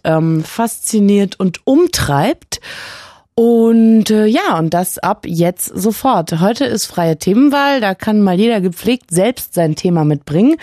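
On a call-in radio show, a woman host chats playfully, full of fillers and hesitations. Her medium-pitched voice has a dark tone, captured on a studio microphone in a radio studio with studio quality and no room sound.

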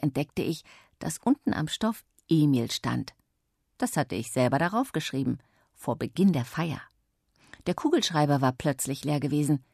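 A woman narrating a children's audiobook in the first person, calm and clear, close to the mic. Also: sits low, no echo.

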